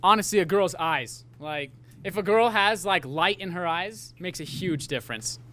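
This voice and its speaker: A man in his twenties answering panel questions earnestly, with a casual, slightly halting way of talking. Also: high-pitched, sharp tone. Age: 20s.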